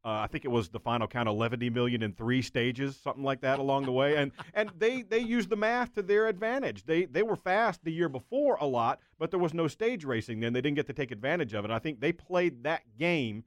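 A man's voice: medium pitch, expressive, a little fast, few pauses, no echo, clean studio sound. A man chatting casually as a panelist in a sports discussion. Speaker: radio panelist.

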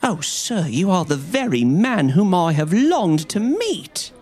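Timid little man, high quavering whine, read by a man. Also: sing-song, takes it slowly, full character voice. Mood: eager. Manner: whining, quavering. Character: small cringing rat-faced man, nervous.

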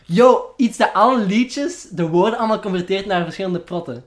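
A young Flemish man as a podcast guest, laid-back and low-key, laughing along in casual chat. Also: moderate pace. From Belgium.

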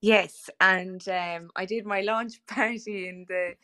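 A woman's voice: medium pitch, fairly even intonation, slow, fairly bright tone. A young woman with a West of Ireland accent, chatting in a jokey, casual way as a podcast guest. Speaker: guest musician.

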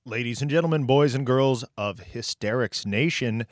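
A man's voice: medium pitch, normal speed, dry recording, studio quality, soft background music. A middle-aged man co-hosting a casual podcast, joking and chatty. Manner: lively, joking. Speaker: podcast co-host.

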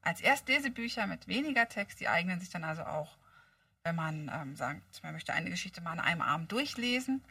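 Animated, husky woman reader. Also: fairly low pitch, a little fast, no echo, clean studio sound. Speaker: guest reader. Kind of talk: reading a children's book aloud. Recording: distant mic.

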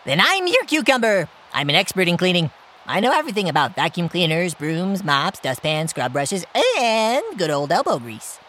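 A man voicing a silly, eager male cucumber sidekick who talks in a goofy, excitable way, in a cartoon audio play. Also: high-pitched, normal speed, a little hiss or hum, exaggerated voice. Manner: goofy, excitable, rattles off lists.

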